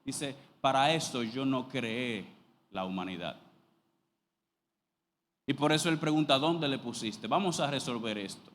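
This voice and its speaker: A man preaching a sermon as pastor, reading scripture aloud slowly and then explaining it with rising emphasis. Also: medium pitch, animated, fairly bright tone, slight background noise. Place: church sanctuary. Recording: long reverb of a church hall.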